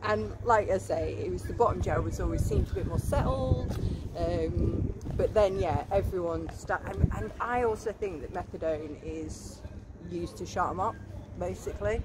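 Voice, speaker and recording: A woman's voice: on the low side, moderate pace. A woman in her thirties, a guest who once worked in a prison, chatting in a walk-and-talk interview on a street at night, speaking into a lapel mic. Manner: chatty, self-deprecating. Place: outdoors on a city street at night. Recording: loud street noise.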